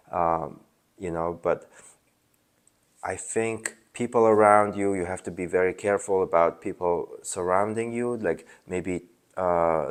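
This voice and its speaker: A young man speaks in a very deep, low voice with a mixed Polish and Mongolian accent. He talks casually and unscripted, hesitating often with fillers and restarting his sentences. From Poland. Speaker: self-help video host.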